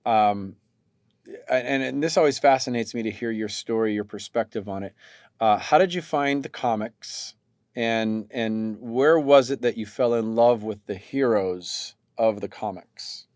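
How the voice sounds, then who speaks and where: Thoughtful middle-aged podcast host. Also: male voice, mid-range voice, measured pace, a little mellow, dry recording, clean studio sound. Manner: thoughtful, steers the talk, repeats words as he thinks. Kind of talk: casual conversational podcast.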